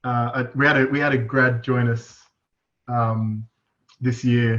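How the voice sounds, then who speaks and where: A man's voice: mid-range voice, little pitch movement, unhurried, fairly bright tone. Male panelist, hesitant and wry, restarts often; lo-fi dull recording. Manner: hesitant, self-deprecating, many restarts. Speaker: industry panelist. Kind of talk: panel discussion.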